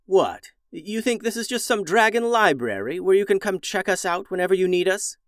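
A man voicing a grumpy, sarcastic dragon with a high, indignant voice. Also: expressive, moderate pace, a bit bright, no room sound, studio quality.

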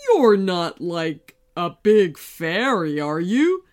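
A wary little gardener man , put on by a woman reading a storybook, speaking slowly and asking his questions in a folksy, drawn-out way. His voice sits a touch high and swoops widely up and down. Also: sing-song, darkish tone. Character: small old male castle gardener, suspicious.

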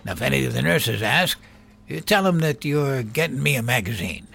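A man's voice: medium pitch, expressive, normal speed, gravelly, a bit bright, husky, exaggerated voice. An actor playing a bitter old grandfather, a former comedian, telling his story in an audio drama with a weary manner. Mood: gruff. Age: older.

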